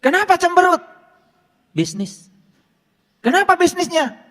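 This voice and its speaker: A male preacher gives a casual sermon, pressing his listeners with rhetorical questions. His high voice swings widely in pitch. A long hall reverb trails behind every phrase. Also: measured pace. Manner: rhetorical questions, lively teaching.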